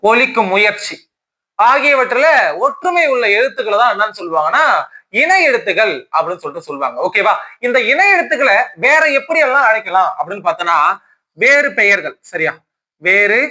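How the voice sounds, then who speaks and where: A man with a high-pitched, sharp voice teaches an exam-prep grammar lesson, saying each key term twice in a slow, dictation-like way. He keeps checking whether the class follows with "okay?"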